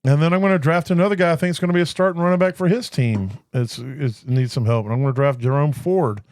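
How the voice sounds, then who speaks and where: A man hosting a casual fantasy football podcast, joking around and reading off draft picks in quick lists. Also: fairly high pitch, a little mellow, dry recording, clean studio sound. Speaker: podcast host.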